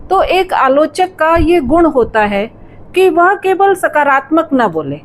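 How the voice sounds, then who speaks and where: High-voiced woman moderating a literary talk. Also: very animated, takes it slowly, a little hiss or hum, poor audio. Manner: appreciative, thoughtful, speaks at length.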